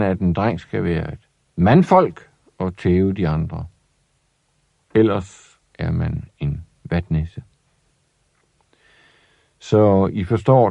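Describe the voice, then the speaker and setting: A man reading a children's story aloud in an expressive, lively way. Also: low-pitched, creaky, dry recording, muffled recording.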